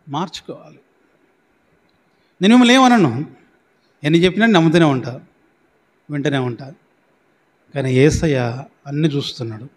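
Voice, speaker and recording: Male pastor with a high voice, preaching emphatically and quizzing his flock, church hall with long reverb. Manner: preaching with questions to the congregation; repetitive, emphatic delivery. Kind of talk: sermon.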